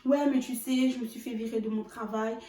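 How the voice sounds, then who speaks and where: A woman voicing a young man who pleads for money in a small, soft, whiny voice. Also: fairly high pitch, flat delivery, brisk, close to an everyday voice. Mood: pleading. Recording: roomy echo, mic at a distance.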